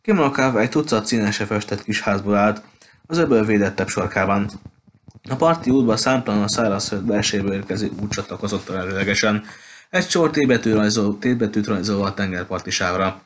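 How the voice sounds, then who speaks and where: A man reading a novel aloud at a steady pace, with occasional slips and restarts. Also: lowish voice, slight background noise. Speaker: audiobook reader.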